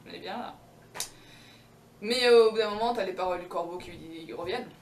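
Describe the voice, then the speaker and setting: A woman's voice: fairly low pitch, quick pace, roomy sound, distant mic, a little hiss or hum. A young woman casually retelling a fairy tale with slangy, ironic asides and many fillers. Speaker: storyteller.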